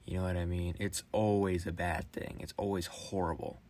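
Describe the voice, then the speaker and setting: A young man in his late teens speaks a rambling personal monologue into a phone voice memo. His talk is halting, with restarts and fillers. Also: sits low, little pitch movement, darkish tone, a little hiss or hum. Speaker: vlogger.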